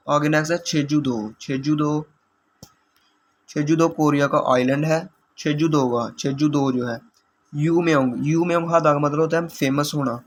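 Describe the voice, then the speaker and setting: A man's voice: fairly high pitch, fairly bright tone, slight background noise. A man teaching language exam questions, explaining answers patiently step by step.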